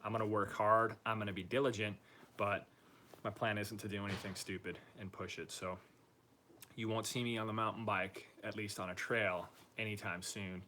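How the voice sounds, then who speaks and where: A man talking informally and upbeat in a casual video diary, using relaxed slang as he gives a personal recovery update. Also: fairly low pitch, moderate pace, slight background noise. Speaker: patient giving a recovery update.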